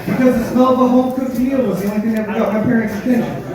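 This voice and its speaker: High-pitched man doing crude stand-up in echoey room. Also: rapid-fire. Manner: crude, profane, dark-humored joking; conversational storytelling, addresses the crowd directly. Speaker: stand-up comedian. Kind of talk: live stand-up comedy routine. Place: live comedy show with audience, echoey room. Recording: echoey room, distant mic, audience noise.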